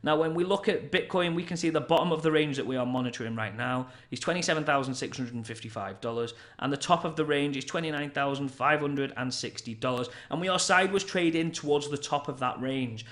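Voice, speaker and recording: A man's voice: fairly high pitch, a bit bright. A man hosting a chatty crypto news roundup, upbeat and hyping each story.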